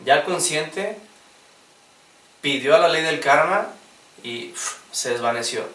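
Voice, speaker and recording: A man's voice: fairly high pitch, animated, slow pace, a bit bright, distant mic. A man giving a spiritual lecture, telling anecdotes, acting out the quoted lines and laughing at his own stories. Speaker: gnostic instructor. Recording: roomy sound, voice from off mic.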